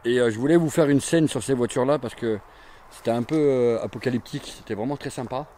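A man's voice: medium pitch, fast talker, dark tone, a little hiss or hum. A man in his forties walks through an abandoned campsite, talking casually to his action camera with lots of fillers and repeats. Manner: chatty, rambling, many fillers and repeats. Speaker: urban explorer vlogger. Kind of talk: casual walking commentary to camera. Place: outdoors at an abandoned burned campsite. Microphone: handheld or chest action camera.

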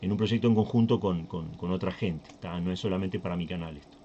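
A Uruguayan man hosts a tech channel, thinking aloud as he walks through a screen recording. His voice sits on the low side, and he hesitates and restarts often. The mic sounds dull and lo-fi, with a faint hiss behind him. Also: fairly even intonation, a little fast, dark tone. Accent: Uruguayan Spanish. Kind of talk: casual screen-recording walkthrough.

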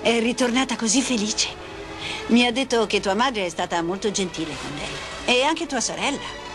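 A woman's voice: fairly high pitch, normal speed, over music, close to an everyday voice. A woman playing a kindly, slightly frail elderly mother in a dubbed TV soap opera. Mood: warm, chatty. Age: older.

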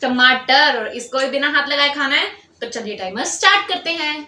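Woman co-host, high-pitched and teasing, casual challenge vlog, echoey room. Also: lively intonation, moderate pace, pushed and bright. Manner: playfully accusing, laughing a lot.

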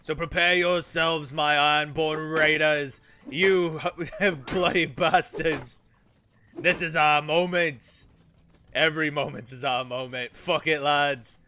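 A man's voice: on the high side, steady tone, takes it slowly, sharp tone, slight background noise, voice pushed up. Man playing a brash, swaggering raider captain. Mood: rousing, fierce. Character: brash foul-mouthed Ironborn raider captain rallying his men. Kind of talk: video game role-play.

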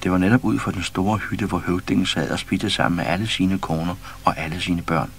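A man reading a children's storybook aloud to a young listener, steady and storyteller-like. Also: low-pitched, creaky. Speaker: audiobook reader.

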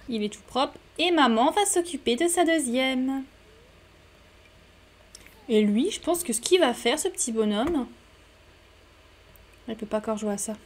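High-voiced chatty woman gamer. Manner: chatty, talks to her game characters, excitable. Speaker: gaming YouTuber. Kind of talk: casual let's-play commentary. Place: home room. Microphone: desk microphone.

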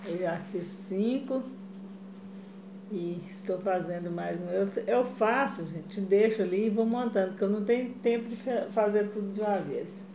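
A woman's voice: mid-range voice, normal speed, background noise. A middle-aged woman from Brazil talking casually while she makes fabric flowers in her home kitchen. She speaks to her viewers in a chatty way and keeps adding little check-ins as she goes. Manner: chatty, addresses viewers as "gente", frequent "né?" and "tá?". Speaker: craft vlogger. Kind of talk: casual craft tutorial chat. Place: home kitchen, indoors, tiled walls. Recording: echoey tiled kitchen.

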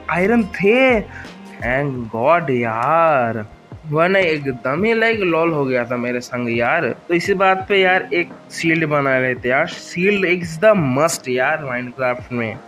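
An excitable young Indian man talks through his gameplay, pleading and yelling at the monsters on screen. His voice sits a little high for a man. Faint music plays beneath him. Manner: excitable, shouts at game mobs, pleading bursts. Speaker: gaming YouTuber. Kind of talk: gameplay commentary.

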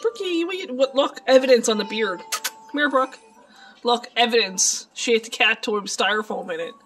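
A woman talks casually to the camera in her home and breaks into cooing baby talk for her pets. Her voice sits fairly high and swings from soft murmurs to sudden loud calls. Faint music plays underneath. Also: animated, normal speed. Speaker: vlogger and pet owner. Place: home, indoors.

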